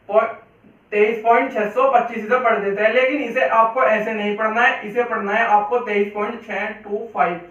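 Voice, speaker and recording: Brief: male math teacher, high voice, patient and repetitive, recorded from far off with a muffled sound. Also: a bit bright. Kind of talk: Hindi classroom-style lesson. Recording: echoey, distant, dull room sound.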